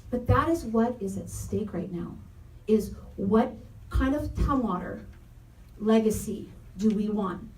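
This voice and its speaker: A woman in her thirties, a parent and educator, giving an earnest, impassioned public comment at a community forum, repeating her key phrases for emphasis. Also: on the high side. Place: community meeting room, roomy and echoey. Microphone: handheld microphone, held from some distance. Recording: echoey room, distant mic, faint noise.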